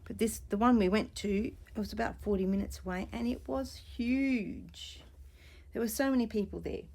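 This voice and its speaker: A woman chatting casually in a soft, mellow voice that is a little croaky. She rambles gently through a show-and-tell and often sinks to a near-whisper. She is recorded on a desk camera in a small home room. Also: mid-range voice, normal speed. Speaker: vlogger showing vintage finds. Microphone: camera or tablet on a desk.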